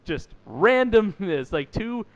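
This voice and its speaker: A man's voice: high voice, sing-song, slow pace, lo-fi sound. A man co-hosting a casual podcast chat over an online call, rambling with many fillers while his call audio keeps cutting out in dropouts. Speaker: podcast co-host.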